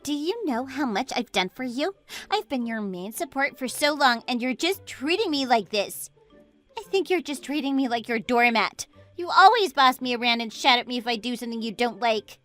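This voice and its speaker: A woman's voice: on the high side, animated, moderate pace, fairly bright tone, soft background music. A woman voicing an indignant young woman who bickers with her partner in a text-story narration. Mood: hurt. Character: whiny defensive young woman, cafe co-owner.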